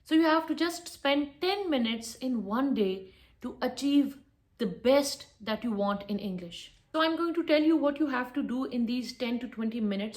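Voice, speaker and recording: A woman delivering an English lesson in a firm, instructive way. Her voice sits a little high, and she repeats her main points so they stick. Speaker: English teacher. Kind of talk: spoken lesson to camera.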